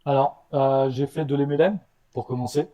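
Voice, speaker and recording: Man, founder guest, warm mellow tone, slight stutter, halting restarts. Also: medium pitch, fairly even intonation, highs cut off. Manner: halting, with restarts and repeated words. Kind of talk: casual interview answers.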